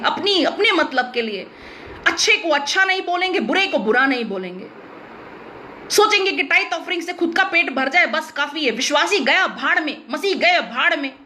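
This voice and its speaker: A woman's voice: high-pitched, sharp tone, a little hiss or hum. An Indian woman pastor preaching a sermon in an emphatic, blunt way with teasing humor.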